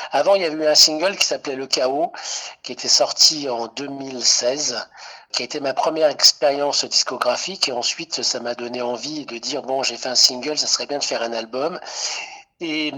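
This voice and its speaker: A man's voice: mid-range voice, bright, forceful tone, rough recording. A middle-aged man from Italy, a singer-songwriter guest on a radio interview, speaking hesitantly with many fillers and restarts.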